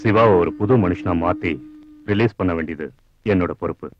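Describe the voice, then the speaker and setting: An actor playing a principled male jail superintendent who speaks in a calm, reassuring, measured way in a dubbed film. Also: low voice, muffled recording, lightly acted.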